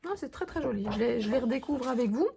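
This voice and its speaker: Woman vlogger gushing over her craft haul, kinda high voice, lots of "euh" and "voilà". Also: animated, quick pace, vocal fry, dark tone, a little hiss or hum. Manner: chatty, enthusiastic, full of fillers and restarts. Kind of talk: casual show-and-tell haul video.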